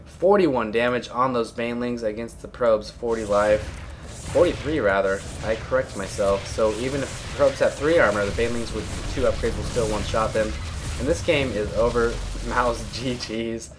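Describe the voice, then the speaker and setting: A man's voice: mid-range voice, normal speed, background noise. Coughing man casually commentating a game. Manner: chatty, blunt, opinionated. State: coughing and clearing his throat often. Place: at home.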